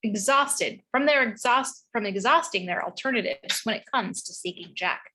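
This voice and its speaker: A woman's voice: a little high, animated, normal speed, pushed and bright, breathy edge, poor audio. A woman narrating the stage directions of a script in a read-through.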